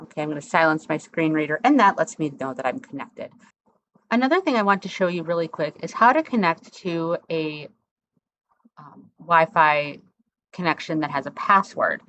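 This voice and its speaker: A woman instructor talking through a software tutorial step by step, in a conversational, explanatory way. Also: sits low, animated, moderate pace, muffled recording.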